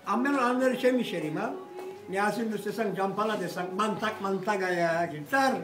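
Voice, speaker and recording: A man's voice: high-pitched, normal speed, distant mic. Rowdy older man in an echoey cafe. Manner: boisterous, rambling, swearing, sudden loud outbursts. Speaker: storyteller at a cafe table. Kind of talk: rowdy table talk. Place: cafe with glass front, indoors. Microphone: phone camera across the table. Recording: echoey room, voice off-mic, music behind.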